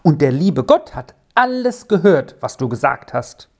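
A woman's voice: low-pitched, sing-song, measured pace, pitched above the performer's own voice, exaggerated voice. A woman voicing a tender-hearted young goatherd boy in a storybook reading, talking in an earnest, pleading, childlike way.

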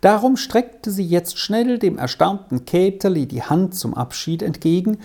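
Calm storybook reader, mellow dark voice, steady and measured. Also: mid-range voice, creaky. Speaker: audiobook narrator. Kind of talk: scripted storybook narration.

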